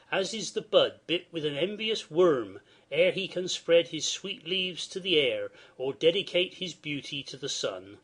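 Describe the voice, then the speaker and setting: A man performs Shakespearean verse as a worried yet dignified older nobleman and father, delivering it formally, measuredly and declamatorily. His voice is fairly high-pitched with a fairly bright tone.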